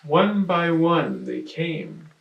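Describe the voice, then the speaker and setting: A man reading a children's picture book aloud at storytime and describing the pictures in an animated way, recorded in a roomy space from a distance with faint noise. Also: fairly high pitch, extremely slow, gravelly, highs cut off. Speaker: storytime reader.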